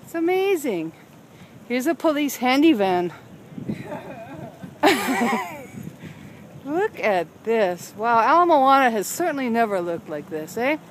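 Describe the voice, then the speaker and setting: A woman's voice: on the high side, sing-song, slow pace, long pauses, low-quality recording. A woman giving wry, questioning running commentary while she films a walk through a seaside park. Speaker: vlogger filming a walk. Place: outdoors in a seaside park by a road. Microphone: handheld phone camera. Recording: outdoor phone audio with wind and traffic noise.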